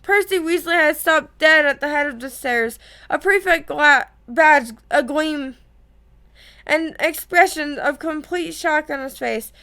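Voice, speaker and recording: A woman's voice: high-pitched, measured pace, sharp tone. A woman reading a novel aloud in a casual way, often stumbling and correcting herself. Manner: casual, frequent slips and self-corrections. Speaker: reader.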